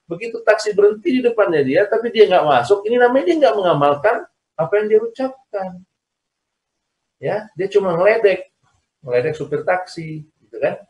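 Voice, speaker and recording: A man's voice: high voice, expressive, normal speed, a little mellow. A man teaching an online religious lesson, explaining by repeating his points and asking his listeners to agree. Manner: explains by repetition, asks "ya kan?". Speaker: Islamic teacher. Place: recorded over a video call. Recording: echoey, distant video-call audio.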